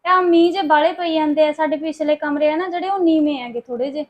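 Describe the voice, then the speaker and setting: A woman playing a modest, dutiful married sister visiting her family, with a Punjabi accent and soft, polite replies. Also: high-pitched, quick pace, muffled recording, lightly acted. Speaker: visiting sister in a short film. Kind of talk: village family drama acting.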